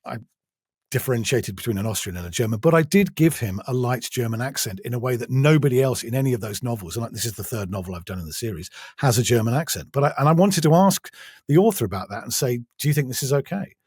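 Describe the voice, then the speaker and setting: Husky middle-aged English narrator. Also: male voice, medium pitch, lively intonation, fast, darkish tone, no room sound, studio quality. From England. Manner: chatty, self-deprecating, with frequent restarts. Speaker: audiobook narrator. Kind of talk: casual interview chat.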